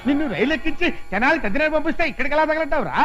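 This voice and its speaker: High-voiced priest, dramatic wailing, exasperated, film comedy. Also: male voice, animated, rapid-fire, bright, forceful tone, faint music behind, heavily acted, poor audio. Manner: wails and laments dramatically. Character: reluctant young priest, excitable, loudly wailing. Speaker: priest asked to perform a wedding.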